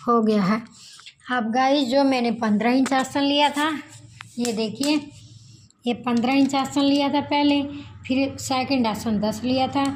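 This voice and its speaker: A woman teaching tailoring in a slow, repetitive sewing tutorial, counting measurements aloud as she cuts fabric. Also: a little high, darkish tone, a little hiss or hum, low-quality recording.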